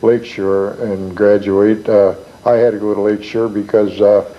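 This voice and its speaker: A man's voice: fairly low pitch, level tone, moderate pace, lo-fi sound. An older man reminiscing as a guest in a casual chat, making blunt, earthy remarks.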